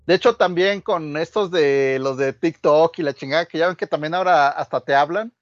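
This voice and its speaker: A man's voice: a little high, normal speed, no echo, lo-fi sound, soft background music. A laid-back man with a Mexican accent chatting casually, full of slang. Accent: Mexican Spanish. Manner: laid-back, slangy, laughs while telling. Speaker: podcast co-host. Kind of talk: casual chat.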